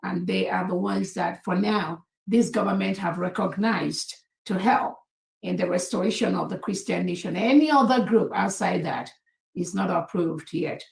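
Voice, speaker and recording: A woman's voice: fairly low pitch, normal speed, creaky, reverberant, poor audio. A woman addressing members in an online meeting, earnest and formal, thanking people by title.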